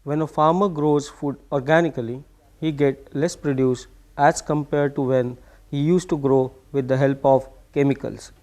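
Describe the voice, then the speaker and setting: A man's voice: fairly high pitch, steady tone, moderate pace, mellow. A man, a farmer, speaking plainly and steadily in an interview. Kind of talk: interview answer.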